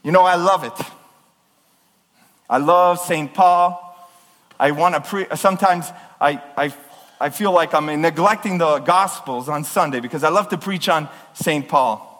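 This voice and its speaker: A man preaching a sermon as a pastor, impassioned and emphatic, loud enough that he apologizes for sounding like he is yelling. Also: a little high, a little slow, long reverb tail.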